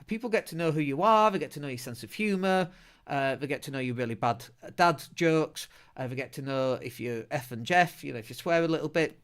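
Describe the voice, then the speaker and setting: With a lively, fairly quick delivery, a middle-aged Leeds man from England runs a solo podcast in a chatty, blunt style and pokes fun at himself. His Northern English voice sits on the high side and sounds a bit bright, clear and resonant.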